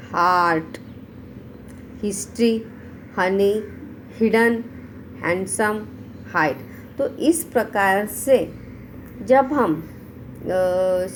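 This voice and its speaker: Slow-paced woman teaching words. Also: fairly high pitch, a little hiss or hum, rough recording. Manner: reads word lists aloud one by one, explaining in between. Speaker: English teacher. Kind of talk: slow online vocabulary lesson.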